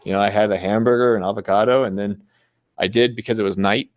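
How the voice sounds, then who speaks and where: A man's voice: fairly low pitch, steady tone, fast, no room sound. A man giving a casual, rambling talk with slides, easygoing and chuckling often. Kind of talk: casual storytelling presentation with slides.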